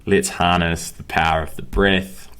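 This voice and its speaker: A young running and breathing coach wraps up his course to camera with upbeat, motivational short phrases. His deep voice moves little in pitch, his pace is measured, and the tone is fairly bright and clean.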